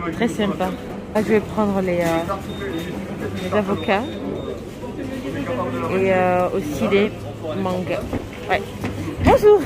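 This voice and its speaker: A middle-aged woman chatting relaxed as she walks through an outdoor market, filming her own vlog. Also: medium pitch. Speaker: cooking vlogger. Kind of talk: walking market vlog narration. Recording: loud outdoor market noise.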